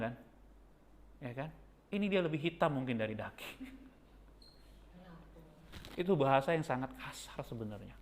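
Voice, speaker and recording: A man, a pastor preaching a sermon with lively storytelling that jumps to a high, excited pitch.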